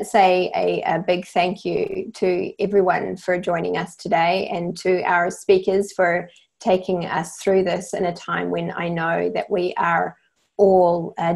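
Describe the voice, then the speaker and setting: A webinar panel is moderated by a woman from New Zealand whose fairly low voice has a distinct gravelly fry. Calm and level throughout, she thanks speakers and reads the audience's questions.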